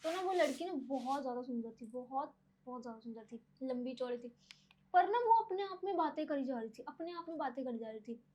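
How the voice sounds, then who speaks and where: A young woman, a podcast guest, telling personal stories in a casual, animated way, often using filler words. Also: high voice, fairly quick, low-quality recording. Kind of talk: casual storytelling.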